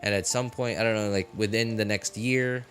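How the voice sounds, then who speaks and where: Over game music and in-game dialogue, a man in his thirties talks casually while streaming, his voice on the low side, steady and a bit bright. His reminiscing comes out halting, with many fillers and repeated words.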